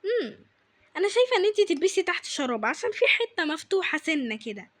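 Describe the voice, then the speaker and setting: A woman's voice: very high-pitched, big pitch swings, quick pace, no room sound. A woman voicing a strict, conservative mother who scolds and nags in an Egyptian accent. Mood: scolding. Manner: scolding, nagging, insistent.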